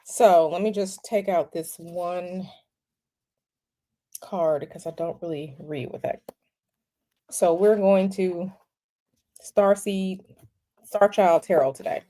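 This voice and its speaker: A woman hosts a tarot livestream, talking casually in a halting, repetitive way full of fillers. She is sniffly from a cold, and her voice is lowish and dark in tone.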